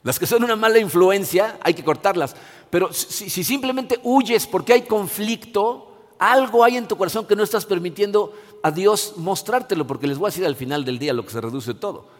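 A man's voice: high-pitched, expressive, fairly quick. A middle-aged male pastor, giving an earnest, conversational sermon full of restarts and repeated words. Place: church. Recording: long hall reverb.

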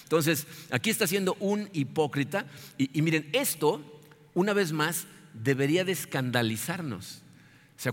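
A man preaching a sermon, lively and conversational, often checking in with his listeners. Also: mid-range voice. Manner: animated, asks "¿no?" after most sentences. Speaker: pastor. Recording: long hall reverb.

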